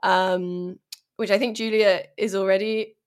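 Giggly woman co-host, teasing, mid-pitched, chatty storyteller. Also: steady tone, a little slow, clean tone. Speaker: podcast co-host. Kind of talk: casual chat. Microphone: remote call mic.

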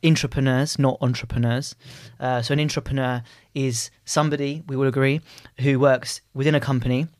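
A British man hosts a relaxed podcast chat in a jokey way. His voice sits at medium pitch, recorded close and dry with no room sound. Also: brisk, hardly any pauses, no room sound. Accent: British English. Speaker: podcast host.

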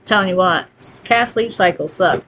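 A woman's voice: on the low side, moderate pace, a bit bright, a little hiss or hum. A woman co-hosting a casual chat podcast, laughing often and swearing freely as she tells stories. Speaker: podcast co-host.

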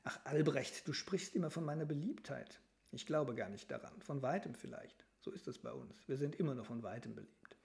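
A man's voice: mid-range voice, a little fast, vocal fry, darkish tone, natural voice. A man reading a humble young prince. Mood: humble earnest. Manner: humble, earnest, deferential. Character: modest dutiful young prince, younger brother.

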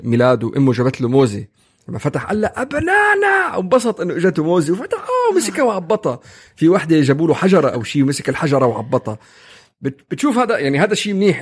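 A man co-hosting a casual parenting chat, animated and full of restarts. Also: medium pitch, slightly rough. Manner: animated, acts out children's voices, many restarts. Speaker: podcast co-host.

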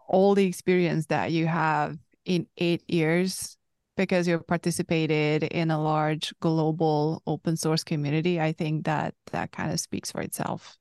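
Female podcast host, slightly low register, close dry recording, casual interviewing style. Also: smooth, no echo.

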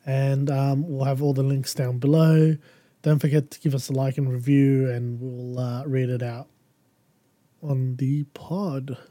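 A man's voice: mid-range voice, steady tone, measured pace, warm tone, no room sound. A man hosting a casual podcast in a matey, teasing, bantering way. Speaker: podcast host.

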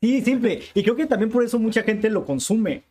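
Chatty northern Mexican man, slightly high voice. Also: fairly quick. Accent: northern Mexican Spanish. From Tijuana, Mexico. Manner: lively storyteller with slangy asides. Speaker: bookshop owner, interview guest. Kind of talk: casual interview chat.

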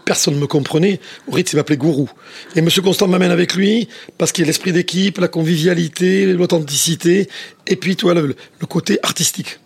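A middle-aged chef from southwest France with a southwest French accent, telling stories in a rambling way with many restarts. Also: male voice, high-pitched, brisk, gravelly, breathy edge. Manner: rambling, many restarts, says "tu vois" often. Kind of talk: casual interview storytelling.

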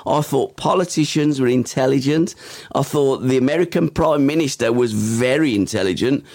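A middle-aged man co-hosting a podcast, rambling and jokey in casual comedy banter and leaping into high squeals. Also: moderate pace, a little mellow. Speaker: podcast co-host.

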